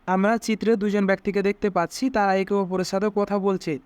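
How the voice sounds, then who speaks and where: Guy teaching a language lesson sound by sound, higher voice, very dry close sound. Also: level tone, fairly quick, dry recording. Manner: breaks words into single sounds and repeats them. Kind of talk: slow step-by-step pronunciation lesson.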